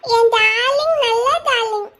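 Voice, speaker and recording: A stubborn, clingy little boy from a cartoon whines in a very high, bright, piercing voice. He drags his words out slowly and sounds close to tears. It is childish cartoon voice acting. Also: full character voice. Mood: playful. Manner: childish, whiny, often tearful.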